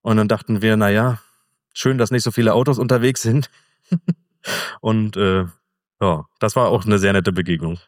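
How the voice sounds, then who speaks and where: Man, middle-aged, low voice, relaxed rambling storyteller, dry sound with long reverb. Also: moderate pace, long pauses. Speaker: interview guest, motorcycle traveler. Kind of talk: casual conversational storytelling.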